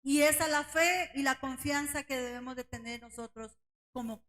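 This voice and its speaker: High-pitched female Bible teacher, engaging the congregation with questions, building to fervent near-shouted emphasis. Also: moderate pace, rough recording. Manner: questions the congregation and calls them brothers; voice rises to near shouting on key points. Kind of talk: church Bible study teaching.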